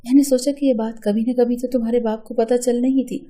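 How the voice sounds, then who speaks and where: A woman's voice: fairly high pitch, steady tone, dark tone, natural voice. A woman voicing a desperate, lovesick young man who pleads earnestly in an audio story. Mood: pleading.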